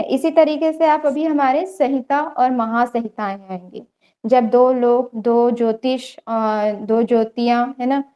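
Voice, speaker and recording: A young woman with a slightly high voice teaches an online class on yoga theory, walking her students through it step by step and checking in with them often. The sound is lo-fi.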